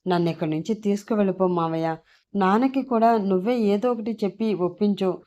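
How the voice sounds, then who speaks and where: A woman's voice: medium pitch, a little fast, dark tone, natural voice. A woman voicing a young woman who begs while crying, in a storybook reading. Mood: tearful pleading. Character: young woman sobbing and begging.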